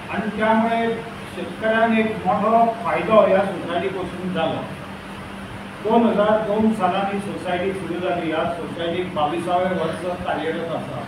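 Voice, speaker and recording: An older man with a Goan accent gives a formal press conference talk in a high voice, working through names and figures. The room is very echoey and the mic sits far from him, with clear background noise. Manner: steady, listing names and figures. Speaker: cooperative society official at a press conference. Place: hall with a banner behind a panel. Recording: echoey hall, distant mic, noisy.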